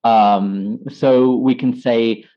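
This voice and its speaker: A man, an English teacher, patiently explaining example phrases in an interview, with lively emphasis on each one. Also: medium pitch, drawn-out words. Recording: slightly dull lo-fi sound.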